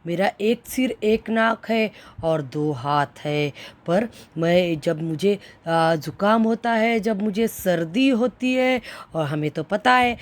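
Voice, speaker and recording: Woman teacher narrating for kids, very slow, repeats things in easier words. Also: medium pitch, expressive. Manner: explains by restating words with synonyms. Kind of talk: storytelling lesson for children.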